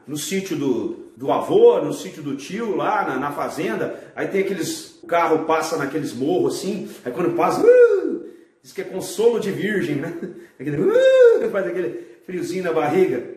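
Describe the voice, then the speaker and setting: A man teaching a video lesson, his voice sitting high and swinging widely up and down. He throws out rhetorical questions and acts out his examples with energy. The sound bounces around an echoey room. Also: a little mellow. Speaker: art teacher. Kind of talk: recorded video lesson for schoolchildren.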